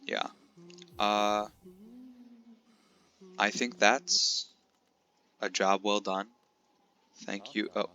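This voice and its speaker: A young man giving casual, chatty let's-play commentary, excitable and talking straight to his viewers. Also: lowish voice, very slow, long pauses. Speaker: gaming commentator.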